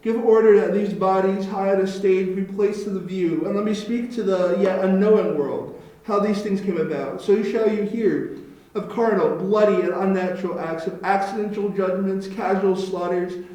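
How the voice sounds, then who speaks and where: A man's voice: sits high, fairly even intonation, moderate pace, mellow, close to an everyday voice. A man voicing a grave, loyal nobleman mourning his prince in an amateur read-through of a Shakespeare play. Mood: solemn. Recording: very echoey room.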